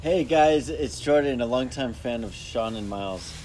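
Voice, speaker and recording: A man's voice: mid-range voice, normal speed, darkish tone, slight background noise, voice pushed down, lightly acted, poor audio. A man voicing a friendly male caller phoning in to a podcast, a longtime fan who asks a curious question.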